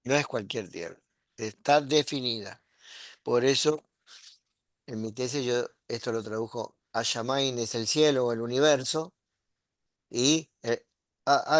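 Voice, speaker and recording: A middle-aged man explains Hebrew grammar at an unhurried, deliberate pace. He keeps checking in with quick questions to his listeners. The sound is dry and close, with no room around it. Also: mid-range voice, dry recording. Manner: patient, explaining step by step with frequent "¿sí?" and "¿ves?" checks. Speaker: Hebrew teacher. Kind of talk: classroom grammar lesson.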